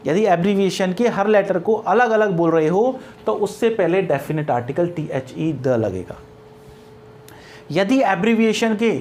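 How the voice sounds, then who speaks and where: A male English grammar teacher gives a Hindi-language grammar lesson, explaining step by step, mixing English terms into his Hindi and answering his own questions. His voice is high-pitched with a darkish tone.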